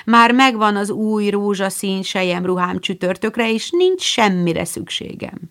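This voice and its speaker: A woman's voice: medium pitch, animated, fairly bright tone, pitched above the performer's own voice. A woman reading aloud, voicing a pampered, thoughtless rich young woman who sounds breezy and self-satisfied.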